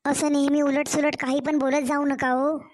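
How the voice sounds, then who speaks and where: Meek young cartoon bride with a Marathwada Marathi accent, high and mild, a woman doing the voice. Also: little pitch movement, normal speed, natural voice. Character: meek young newly married daughter-in-law.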